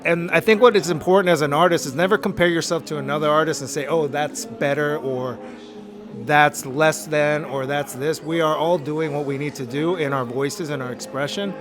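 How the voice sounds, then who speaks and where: A man from Los Angeles speaks in an earnest, motivational tone as he reflects on his art in an interview. His voice sits a touch higher than most men's. Clear music plays behind him. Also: steady tone, moderate pace. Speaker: artist interviewed.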